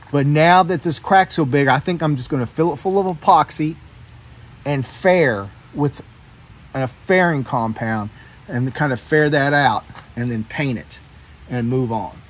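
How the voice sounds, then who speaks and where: A middle-aged man in a boatyard, talking plainly through a hands-on boat repair as he works under the hull. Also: a little high. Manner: plainspoken, hands-on explaining while working. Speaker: boat owner showing repair work. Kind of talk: casual how-to narration.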